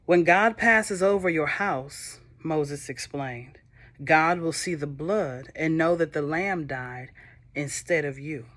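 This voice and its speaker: Reading from a children's Bible storybook, a woman with a low-sitting voice takes her time and tells it expressively. Gentle whispers and playful remarks aimed at the kids pepper her reading.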